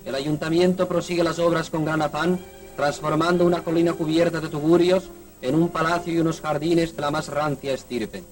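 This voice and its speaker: A man's voice: on the high side, steady tone, moderate pace. A man reading formal, declamatory 1930s old newsreel commentary. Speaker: newsreel narrator. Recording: distant 1930s newsreel soundtrack with music.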